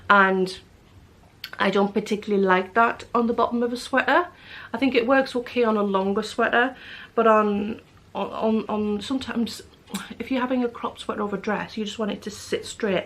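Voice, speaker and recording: A woman's voice: medium pitch, fairly bright tone. A woman vlogger chatting casually to camera, rambling with many fillers and restarts. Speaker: knitting vlogger.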